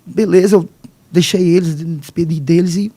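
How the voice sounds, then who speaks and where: A man, telling his personal testimony as a podcast guest in halting, emotional speech with many restarts. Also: high-pitched, steady tone, warm tone, slightly rough. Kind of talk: personal testimony in casual conversation.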